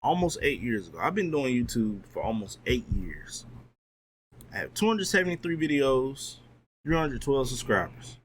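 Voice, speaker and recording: A young man streaming a casual motivational talk to his chat, full of slang and lively asides. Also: medium pitch, moderate pace, slightly rough.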